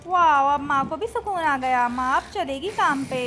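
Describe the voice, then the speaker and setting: A woman narrates a comic skit in a chatty, exclaiming voice-over. Her voice is notably high. Clear background music runs underneath. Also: expressive, normal speed, bright, forceful tone.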